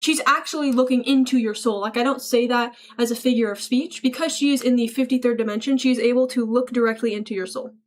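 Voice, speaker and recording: A woman's voice: on the high side, quick pace, few pauses. A young woman streaming, reading chat aloud and joking back in a playful, mock-serious way. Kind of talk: casual livestream chat.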